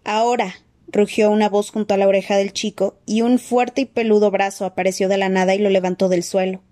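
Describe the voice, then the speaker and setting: A woman reading a fantasy novel aloud with dramatic, expressive storytelling. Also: medium pitch, fast. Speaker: audiobook reader. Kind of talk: expressive audiobook narration.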